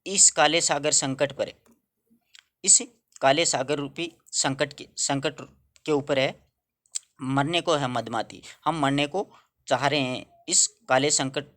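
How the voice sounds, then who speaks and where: A man teaching a Hindi poem for a school class. He reads each verse, then explains it in simple words and puts questions to the students. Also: a little high. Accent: Rajasthani-tinged Hindi.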